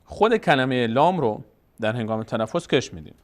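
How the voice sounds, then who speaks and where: A male teacher leads a step-by-step recorded lesson on reading the Quran. He talks patiently, poses questions and answers them himself. When he demonstrates, he stretches each sound out slowly. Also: mid-range voice, expressive.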